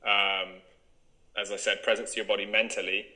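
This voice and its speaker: A young man with a very bright, forceful tone and a fairly low voice. He chats in a relaxed, upbeat way as a yoga teacher, laughing easily between thoughts. Plenty of ums and restarts. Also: normal speed, low-quality recording. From Wales. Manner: upbeat, chatty, laughs often, many fillers. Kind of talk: casual interview chat.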